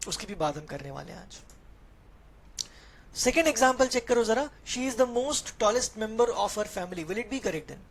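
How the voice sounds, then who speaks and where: A woman's voice: on the high side, expressive, unhurried. A woman with an Indian accent teaching English grammar in an online class, switching between Hindi and English and putting questions to her students. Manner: explaining patiently, asking students questions and reading their chat.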